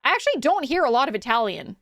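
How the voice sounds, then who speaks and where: Talking to her stream chat, this young woman has a high, slightly bright voice with a gravelly texture, and she's very animated and racing along. She rambles, stumbles over words and laughs often, speaking close to the mic in a dry recording with no room sound.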